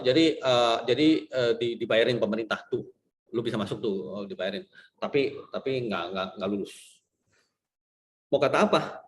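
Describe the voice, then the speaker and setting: Man, lecturer, casual rambling, joking asides. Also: mid-range voice. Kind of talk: casual online class talk.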